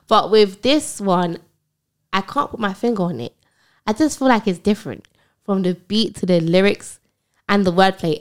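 Excitable young woman, smooth voice. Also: medium pitch. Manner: excitable, animated shout-outs and quick apologies. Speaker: podcast co-host. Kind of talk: casual chat.

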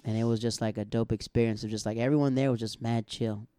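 An American man in casual chat, telling animated stories and acting out the people he quotes. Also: medium pitch, fast, clean tone, no room sound, clean studio sound. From United States. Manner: animated storyteller who acts out quoted dialogue.

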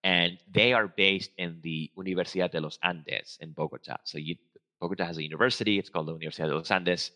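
A low-pitched man gives a casual talk on stage. His voice is bright and forceful, and he wanders through his points with lots of "um"s, restarts and quick self-corrections. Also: steady tone. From Venezuela. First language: Spanish. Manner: rambling, full of fillers and restarts. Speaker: guest speaker, research trainer.

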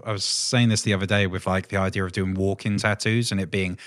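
A man's voice: low-pitched, flat delivery, fast talker, fairly bright tone, no room sound, studio quality. A man hosting a podcast, chatting casually with his wife and rambling through his points with restarts and the odd swear. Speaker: podcast host, tattooer. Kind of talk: casual chat.

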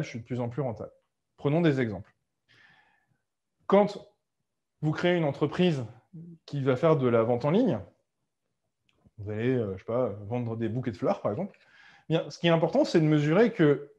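A man's voice: on the high side, mellow. Chatty man with slightly dull sound. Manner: conversational, many fillers and self-corrections. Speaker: entrepreneurship coach. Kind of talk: casual explanatory talk to camera.

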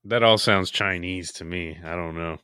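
A man's voice: low-pitched, normal speed, bright, forceful tone, clean tone, no room sound, studio quality. A man co-hosting a podcast in casual chat, laid-back and philosophizing. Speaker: podcast co-host.

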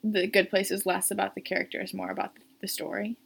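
A young woman co-hosting a relaxed podcast chat. She is playful and curious, firing off one quick question after another. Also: medium pitch, creaky, breathy edge. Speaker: podcast co-host. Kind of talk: casual chat.

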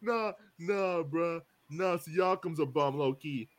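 A young man co-hosting a sports podcast, reacting live to a game in excitable frat-bro slang and repeating his phrases. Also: on the high side, slow, no echo.

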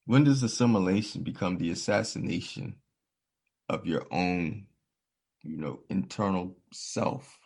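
A man's voice: deep voice, a little slow, gravelly, a little mellow, breathy edge. A man hosting a podcast in casual conversation, earnest and reflective, telling personal stories and acting out what others said. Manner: earnest, reflective, storytelling with quoted voices. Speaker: podcast host.

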